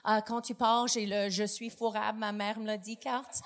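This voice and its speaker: A woman guesting on a casual comedy podcast, effusive and prone to loud outbursts. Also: medium pitch, flat delivery, moderate pace. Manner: effusive, bursts into loud exclamations.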